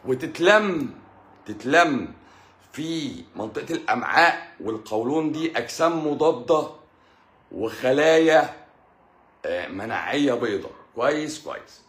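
A man's voice: medium pitch, lively intonation, normal speed, fairly bright tone, echoey room. A man with an Egyptian Arabic accent hosts a live stream as a doctor, answering viewer questions in a blunt, teasing, lecturing way.

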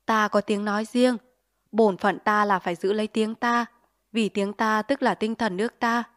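A woman voicing a stern, earnest middle-aged father who lectures his son in grave, measured tones in an audiobook story. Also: mid-range voice, fairly even intonation, close to an everyday voice. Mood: earnest lecturing.

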